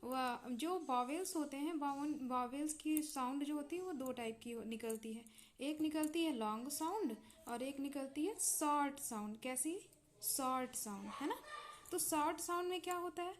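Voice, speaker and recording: High-voiced Indian woman teaching phonics. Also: normal speed. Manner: patient, repeats and checks with "है ना?". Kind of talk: explaining English phonics in Hindi.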